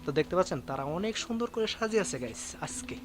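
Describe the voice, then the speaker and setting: A man's voice: sits high, expressive, rapid-fire. A young man from Bangladesh with a Bangladeshi Bengali accent, chatting repetitively to his viewers as a travel vlogger outdoors on a hilltop, filmed on a handheld phone. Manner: chatty, repetitive, keeps addressing viewers as guys. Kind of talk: casual travel vlog narration. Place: outdoors on a hilltop site, in the rain. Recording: noisy outdoor phone recording.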